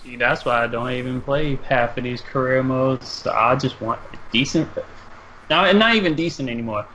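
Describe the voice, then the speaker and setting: A man's voice: mid-range voice, moderate pace, sharp tone. A man co-hosting a sports and gaming podcast, talking things through at length in casual chat. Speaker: podcast co-host. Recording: dull lo-fi sound, faint noise.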